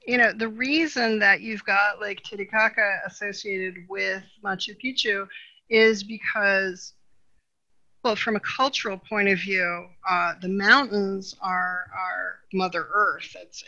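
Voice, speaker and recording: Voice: medium pitch, vocal fry, sharp tone, no echo, lo-fi sound. A podcast co-host in a casual, rambling chat, with many "you know" fillers and frequent laughter.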